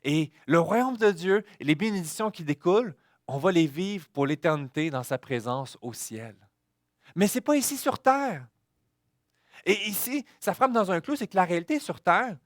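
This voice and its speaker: A male pastor, preaching a sermon in an earnest way that swings between hushed warnings and emphatic declarations. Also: fairly high pitch, sing-song, normal speed, no room sound, studio quality.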